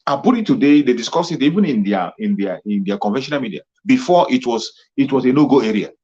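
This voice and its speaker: A man's voice: mid-range voice, lively intonation, quick pace, darkish tone, breathy edge. A man gives an impassioned political monologue, rallying and repeating himself for emphasis. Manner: fervent, repetitive, rallying tone. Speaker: political commentator. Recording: muffled lo-fi recording.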